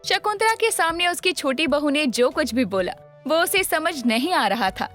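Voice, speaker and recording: Woman narrator, storybook style, high lively voice, faint music. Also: moderate pace.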